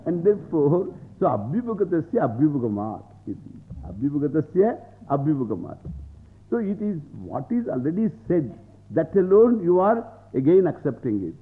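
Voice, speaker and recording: A man's voice: a little high, big pitch swings, normal speed. South indian guy, swami giving a scripture lecture, repeats phrases a lot, sounds like its over a phone line. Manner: repeats phrases, explains word by word, argues with rhetorical questions. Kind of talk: scriptural lecture with Sanskrit quotations explained in English.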